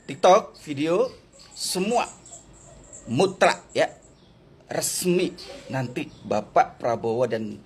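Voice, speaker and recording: Slow taunting man, mocking rant. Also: medium pitch, slight background noise. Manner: taunting, repetitive, drawn-out emphasis. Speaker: viewer posting a clip.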